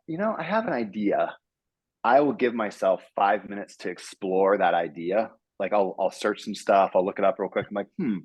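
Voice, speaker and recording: A man, a software engineer, giving earnest advice to students on a panel and acting out his own thoughts as he goes. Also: lowish voice, dry recording. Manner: earnest, animated, acts out his own inner voice.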